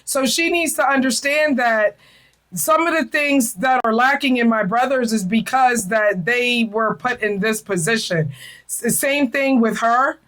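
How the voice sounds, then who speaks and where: A woman's voice: on the high side, measured pace, fairly bright tone, rough recording. A middle-aged woman hosting a casual spiritual chat, talking earnestly and emotionally, often repeating her phrases. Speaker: podcast host.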